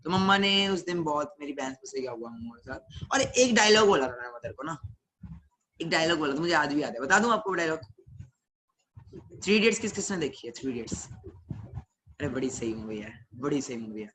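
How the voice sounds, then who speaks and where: Bright young Punjabi-accented man storytelling. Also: fairly high pitch, a little fast, a little hiss or hum. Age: young adult. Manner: animated, acts out family members' lines. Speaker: young entrepreneur speaking on a webinar. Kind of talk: motivational storytelling talk.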